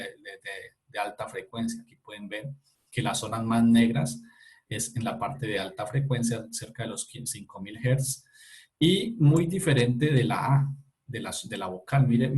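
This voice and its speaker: A man teaching an online class at an even middle pitch, walking students through each point. He keeps checking that they follow along and stops often to correct himself mid-sentence. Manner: explanatory, often checking in with "¿cierto?" and "¿listo?"; halting, with frequent self-corrections and fillers. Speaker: university physics lecturer. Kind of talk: online lecture explaining speech acoustics.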